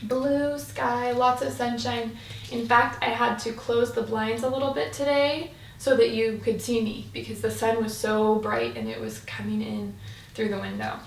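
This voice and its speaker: A woman's voice: on the high side, moderate pace. A woman presenting a lesson for young children as their teacher, in a singsong, encouraging way with simple phrasing. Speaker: preschool teacher. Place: indoor room with a window. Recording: roomy, distant mic, faint noise.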